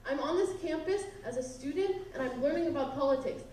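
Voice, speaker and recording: A woman's voice: sits high, fast, dark tone, slight background noise. A woman student challenging a speaker at a campus question session, insistent and pushing back. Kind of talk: heated campus Q&A debate. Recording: very echoey hall, far from mic, audience.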